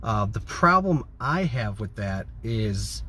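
Speaking slowly with a fairly low, bright, pushed voice and wide pitch swings, this Midwestern vlogger rambles informally to camera. He's inside a parked van, filmed on a phone or camera at arm's length. You can clearly hear vehicle ambience behind him.

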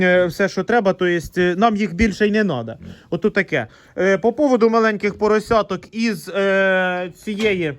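A man, a pig farmer, chatting casually as he shows his pen, fond with the piglets and scolding them. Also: high-pitched. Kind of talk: casual vlog narration.

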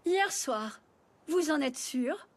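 Haughty celestial princess for a cartoon: high, stern, formally disdainful. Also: female voice, expressive, slow pace, noisy background. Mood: stern, questioning. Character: haughty winged archangel in a princess's body. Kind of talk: French anime dub.

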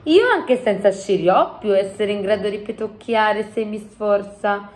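A woman voicing a big, clumsy, friendly male giant who jumbles his words and booms out his exclamations. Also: measured pace, darkish tone, lightly acted. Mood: cheerful. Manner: booming exclamations, mangled made-up words.

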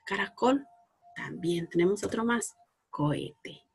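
A woman's voice: medium pitch, lively intonation, vocal fry, slight background noise. A woman with a Peruvian Spanish accent teaching a lesson to young schoolchildren, patiently asking questions and praising answers. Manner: slow, patient, coaxing, asks questions and praises. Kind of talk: recorded class lesson for children.

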